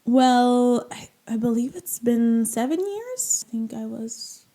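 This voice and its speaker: A young woman from Libya co-hosts a podcast in an easy, friendly manner. Her voice is slightly high and mellow, and she laughs softly. She keeps the chat encouraging. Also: expressive, slow. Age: 20s. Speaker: podcast co-host. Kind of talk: casual chat.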